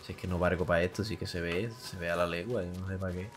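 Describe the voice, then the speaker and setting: A man's voice: low voice, level tone, fast talker, faint music behind. A man from Spain streaming a game, joking crudely, swearing and chanting a vulgar singsong rhyme. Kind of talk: casual gameplay commentary.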